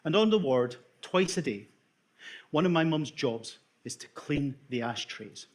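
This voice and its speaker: A man's voice: fairly high pitch, measured pace. A middle-aged man with a Scottish accent, an emergency consultant giving a talk to an audience and telling stories with humour. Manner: storytelling with humour, lively delivery.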